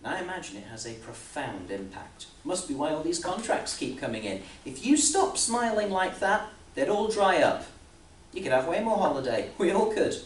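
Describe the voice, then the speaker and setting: A man plays Elwood, a volatile, overbearing boss who needles others and frets about the young, in a theatrical stage monologue full of insistent flattery. His mid-range delivery is very animated and a little fast, lightly acted, with hardly any pauses, rambling through rhetorical questions and sudden swells. The mic is distant in a roomy space with faint background noise.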